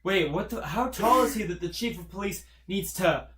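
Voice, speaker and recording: A woman's voice: mid-range voice, expressive, normal speed, a bit bright. A woman casually roasting a story as co-host, breaking in with mocking remarks and heckles. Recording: echoey room, faint background noise.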